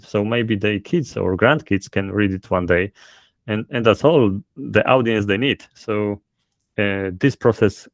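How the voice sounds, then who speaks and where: In a casual interview, a Polish-accented man who self-publishes his books describes his approach, full of hesitations and filler words. His pitch is fairly low, and the audio has no echo.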